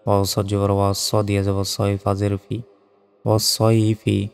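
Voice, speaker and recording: A man teaching Quran recitation who spells out each letter and vowel mark, then chants the words slowly. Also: on the low side, monotone, vocal fry, a little mellow, clear, resonant tone. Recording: long hall reverb with faint music.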